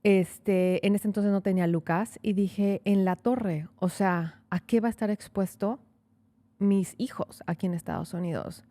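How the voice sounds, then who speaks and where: A woman immigration lawyer who co-hosts a podcast tells a story in a relaxed chat, her first language being Spanish. Her voice is medium-pitched at a normal speed, and she's animated, acting out quotes and using lots of fillers.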